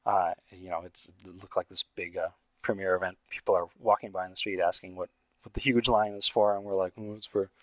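A man's voice: low voice, little pitch movement, brisk, fairly bright tone, dry recording, rough recording. A man on a casual podcast, telling a story in a rambling way with many fillers and restarts. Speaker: podcast co-host.

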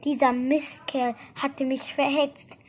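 A woman voicing a cheeky little male ink monster in a storybook reading, squealing high and loud when upset. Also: flat delivery, slow, a little hiss or hum. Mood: panicked. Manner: shrieking, squealing in distress.

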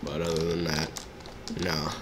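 A man's voice: extremely low pitch, completely flat delivery, measured pace, background noise. A man casually chatting to his viewers while live-streaming a video game, reacting to the action as he plays.

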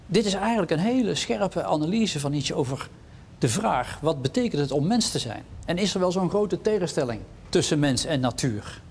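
A man lectures on philosophy in a reflective, questioning way, leaning on key words. His voice is slightly high for a man, with a gravelly fry, and faint background noise sits under it. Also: lively intonation, moderate pace, darkish tone. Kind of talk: lecture with read-aloud passages.

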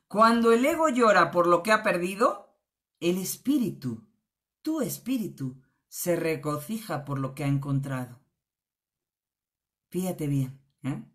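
A woman's voice: mid-range voice, fairly bright tone. A middle-aged woman giving an earnest spiritual motivational talk, often tagging her phrases with a questioning "¿eh?". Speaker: spiritual speaker.

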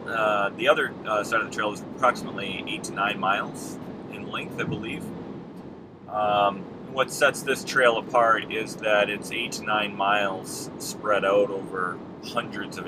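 Man vlogging from a moving car. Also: lowish voice. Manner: relaxed, rambling, many ums and restarts. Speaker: mountain bike vlogger. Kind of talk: casual vlog talk to camera. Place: inside a car while driving. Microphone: camera mounted on dashboard. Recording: car cabin with road and air-conditioning noise. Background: car and engine noise.

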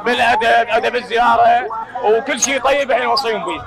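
A man's voice: extremely high pitch, fairly even intonation, fast, vocal fry, over a noisy crowd. A man with an Iraqi accent, running a pilgrim service tent, speaking earnestly outdoors. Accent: Iraqi Arabic. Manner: earnest, listing things. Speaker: procession host. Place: outdoors in a loud crowd.

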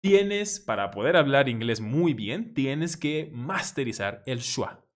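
A man's voice: mid-range voice, big pitch swings, takes it slowly. A man whose first language is Spanish, teaching English pronunciation and drilling vowel sounds with many repetitions. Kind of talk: pronunciation lesson.

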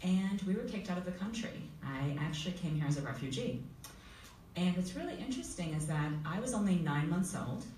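Lively low-voiced woman panelist, echoey hall. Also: fairly quick. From Uganda. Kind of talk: personal story at a panel. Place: school hall with audience. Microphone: table mic heard from far camera. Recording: echoey hall from far off, faint noise.

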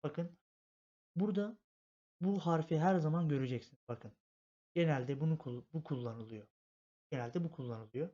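In a dull lo-fi home recording, a man teaches a language lesson by patiently spelling out letters step by step, repeating things often. His fairly high voice is mellow, moving at normal speed with long pauses.

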